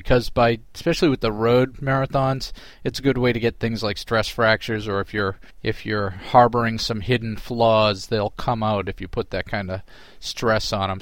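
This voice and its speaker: A man's voice: mid-range voice, dry recording, clean studio sound. A man hosting a podcast, chatting and giving advice to a listener in a joking way. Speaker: podcast host. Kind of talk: casual listener-mail chat.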